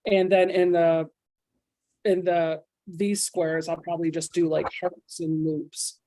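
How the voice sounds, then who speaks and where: A woman's voice: on the low side, level tone, slow, warm tone, no echo, rough recording. A woman in a casual sewing chat, matter-of-fact as she explains her quilting plans. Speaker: quilter co-host.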